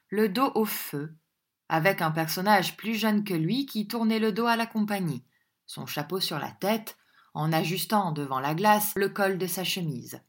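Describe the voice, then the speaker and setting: A woman reading a classic novel aloud in a steady, measured storytelling voice. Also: mid-range voice. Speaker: audiobook reader. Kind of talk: scripted narration of a classic novel.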